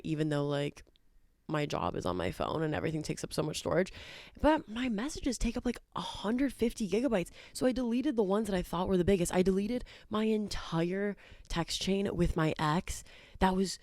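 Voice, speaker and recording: Chatty young woman with vocal fry. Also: on the low side, dry recording, clean studio sound. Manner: chatty, animated, bursts of laughter and jokey made-up words. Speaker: vlogger telling dating stories. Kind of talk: casual storytime chat.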